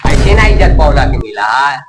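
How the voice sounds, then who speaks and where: A man's voice: medium pitch, very animated, normal speed, roomy sound, noisy background, natural voice. A man playing a teasing villager in a rustic comedy skit, speaking with a Magahi accent from Bihar. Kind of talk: rural comedy skit dialogue.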